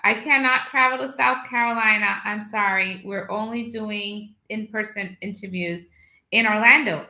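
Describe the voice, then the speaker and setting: A woman who grew up in Guyana hosts a live immigration question session from her office over a video call. Her voice is bright and forward, and she answers viewers in a brisk, practical way. She slows down and stresses each digit when she repeats the contact numbers. The room has a noticeable echo. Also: medium pitch. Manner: brisk, repeats phone numbers slowly and emphatically. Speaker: immigration lawyer hosting a live Q&A. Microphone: video call setup.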